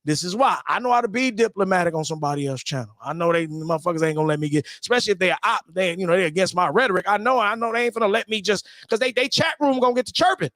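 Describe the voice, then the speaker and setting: A man's voice: high-pitched, racing, few pauses, a bit bright, dry recording, clean studio sound. A man hosting his own channel, ranting heatedly with lots of profanity, repeating himself and stumbling over restarts. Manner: profane, repetitive, stammering restarts. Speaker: channel host. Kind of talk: heated livestream rant.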